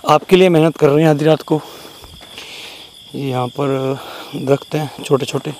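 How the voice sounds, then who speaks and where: This young man's voice runs high and a bit mellow, with fairly even intonation and an unhurried pace, plus a touch of hiss or hum. He's filming a night-time ghost-hunting vlog in rural woodland, speaking casually to viewers through the mic on the camera in his hand and griping about mosquitoes.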